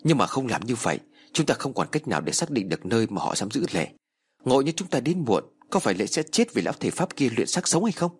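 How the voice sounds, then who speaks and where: A man's voice: medium pitch, very animated, quick pace, breathy edge. A man voicing an anxious middle-aged uncle, urgent and agitated.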